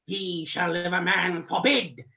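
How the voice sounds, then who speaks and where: An actor rehearsing a witch's part in a radio drama, declaiming the spells with big swoops in pitch. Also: flat delivery, a little slow, creaky, pushed and bright, highs cut off, heavily acted. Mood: incanting. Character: man rehearsing a cackling witch, theatrical.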